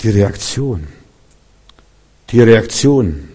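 A man preaching a sermon in an animated way, acting out biblical figures and often addressing listeners directly. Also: on the low side, extremely slow, husky, long reverb tail. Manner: animated, acts out biblical figures, frequent "weißt du".

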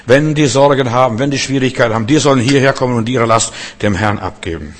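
Man, preacher, chatty sermon, talks straight to the listener, sudden loud bursts, long reverb around the voice. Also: mid-range voice, fast. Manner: conversational, addresses listener as du, builds to emphatic outbursts.

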